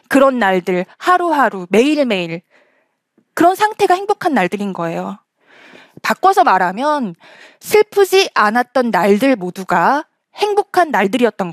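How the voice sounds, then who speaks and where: A woman speaking on stage in a storytelling talk, her voice set a little high and moving a lot in pitch. She acts out the quoted lines of the people in her story. The sound is close and dry. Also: no echo.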